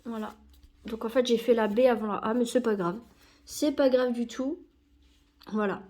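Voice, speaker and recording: With a cold and a fairly high, slightly mellow voice at normal speed, a young YouTuber works through sticker packs and sticks them into an album. She chats informally, often correcting herself and leaning on fillers.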